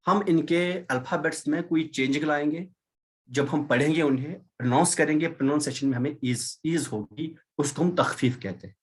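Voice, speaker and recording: A man's voice: on the high side, moderate pace, slightly rough. A man teaching an Arabic class over a video call, explaining patiently and repeating key words, with English mixed in. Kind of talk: online class lecture.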